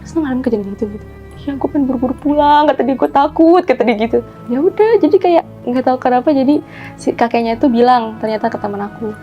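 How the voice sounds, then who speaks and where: Fast-talking woman spinning a ghost story. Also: high voice, muffled recording, soft background music. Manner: animated, acts out quoted voices, keeps saying "gitu". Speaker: guest telling ghost stories. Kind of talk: casual storytelling chat.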